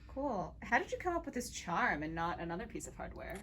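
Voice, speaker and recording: A woman's voice: mid-range voice, big pitch swings, a little fast, fairly bright tone, a little hiss or hum. A woman interviewing a startup founder, asking short questions and reacting upbeat with "cool" and "awesome". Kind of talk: casual interview.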